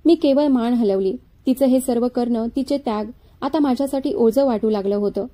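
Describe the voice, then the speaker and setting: A woman narrating a dramatic story in a measured, even storytelling manner. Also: on the high side.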